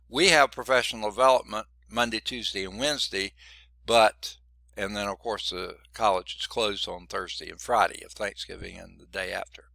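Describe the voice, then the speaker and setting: A gravelly, sharp, fairly low male voice with no room sound belongs to a middle-aged man lecturing a college math class. Congested and prone to digressions, the chatty instructor often pauses to ask "okay?"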